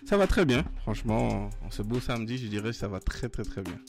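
Guest: a lower-voiced man who pauses and restarts often, with music playing behind. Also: expressive, vocal fry. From French Guiana. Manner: hesitant, many fillers and restarts. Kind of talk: casual interview chat.

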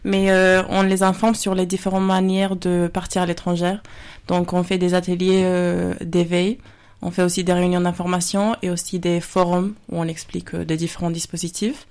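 Flat-voiced young Spanish woman. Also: fairly low pitch, moderate pace, smooth. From Spain. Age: 20s. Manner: hesitant, many fillers. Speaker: radio guest, volunteer. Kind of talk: radio interview answers. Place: radio studio.

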